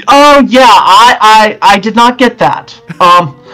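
A young man in casual gameplay chat, explaining things in a halting, conversational way. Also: sits high, expressive, bright, forceful tone, soft background music, rough recording. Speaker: gaming challenge player.

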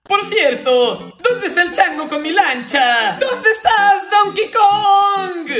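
A man's voice: very high-pitched, animated, takes it slowly, bright, forceful tone, faint music behind, pitched above the performer's own voice, full character voice. A man voicing a self-centered little cartoon hero in a toy skit, flippant and exaggerated.

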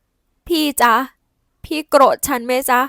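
A woman voicing a calm, dignified young woman who speaks softly, politely and steadily. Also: a little slow, dry recording, clean studio sound. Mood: firm.

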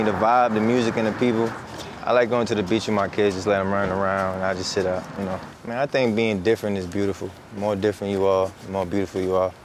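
A man speaks in a relaxed, laid-back way about his family. His voice is fairly low. Clear outdoor street noise runs behind him. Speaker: model. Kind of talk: interview monologue.

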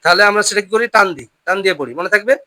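A Quran reading teacher giving a patient lesson, drilling pronunciation call-and-response, often repeating questions and slowing down to model each word. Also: medium pitch, animated, bright, forceful tone, no room sound.

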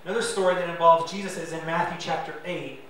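A man's voice: a little high, steady tone, quick pace, a bit bright, very echoey, recorded from a distance, a little hiss or hum, poor audio. A man preaching a sermon to his congregation as pastor, conversational and self-deprecating, with asides to the listeners. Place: church sanctuary.

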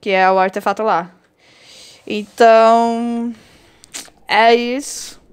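A woman with a Brazilian Portuguese accent giving casual, expressive commentary over her own gameplay, chatty and quick to swear. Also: on the high side, clean tone. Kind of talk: casual let's-play commentary.

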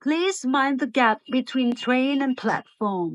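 A woman delivers recorded train announcements in a high, clear voice. She speaks slowly and politely, with each phrase evenly spaced. The sound is dry and close, with no room echo. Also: lively intonation, lo-fi sound. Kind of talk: formal bilingual transit announcement.

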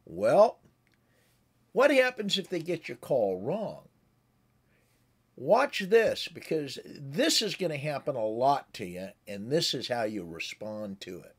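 Husky and mid-range, this man's voice has a sing-song lilt and a slow pace. He's in his sixties, presenting a conversational, teaching-style amateur radio tutorial that includes demonstrated radio calls.

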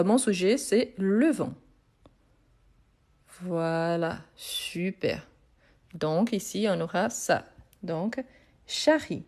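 A woman with a lowish, slightly mellow voice teaches French grammar live online. She says each word again, spells it out, and takes questions from viewers.

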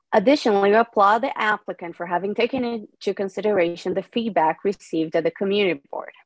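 A woman's voice: mid-range voice, dry recording, low-quality recording. Woman reading formal testimony, dry sound. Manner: formal, measured. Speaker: public testifier for a preservation group. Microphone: video call.

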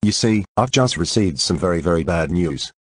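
A man's voice: low-pitched, lively intonation, normal speed, husky, no room sound. A man voicing a stern cartoon police officer who speaks in an official manner.

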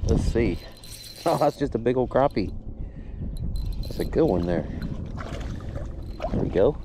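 A man's voice: animated, unhurried, noisy background. A man, giving casual, upbeat commentary from a boat while fishing, recorded on an action camera outdoors. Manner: laid-back, upbeat, says "boom" a lot. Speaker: fishing channel host.

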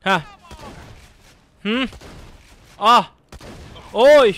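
Excitable young man swearing through gameplay. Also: high-pitched. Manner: excitable, swearing, repeats words rapidly. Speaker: gameplay commentator. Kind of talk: casual gameplay commentary.

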